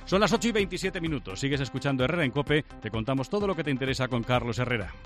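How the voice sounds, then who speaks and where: Brisk male radio news presenter from Spain. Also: mid-range voice, lively intonation, faint music behind. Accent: Spanish, from Spain. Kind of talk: scripted news bulletin.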